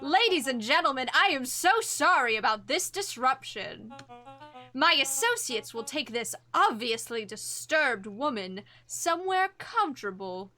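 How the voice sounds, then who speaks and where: A woman's voice: sits high, very animated, a little slow, sharp tone, faint music behind, full character voice. Woman putting on a pompous smug town leader. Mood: smooth, fake concern. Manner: oily, showman-like cheer.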